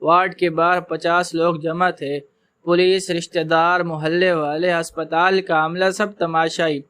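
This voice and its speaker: A man narrating an emotional story in a steady storytelling manner. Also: high voice, clear, resonant tone, dry recording.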